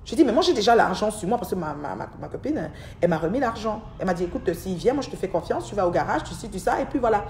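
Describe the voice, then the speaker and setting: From her home next to an aquarium, a middle-aged woman streams live and rambles through a long story, repeating words as she addresses viewers. Her medium-pitched, darkish voice is expressive, and she talks fast with few pauses. The device mic records an echoey room with a little hiss or hum.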